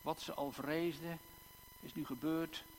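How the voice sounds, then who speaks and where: A male pastor preaching a sermon in a church, slow and emphatic, with long dramatic pauses and repeated words. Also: on the high side, level tone. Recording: echoey church hall, faint hum.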